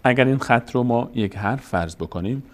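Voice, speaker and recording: A man teaching a lesson on reading the Quran, explaining slowly and patiently and reciting the alphabet letter by letter. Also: mid-range voice. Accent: Persian. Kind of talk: instructional lesson on Arabic vowel marks.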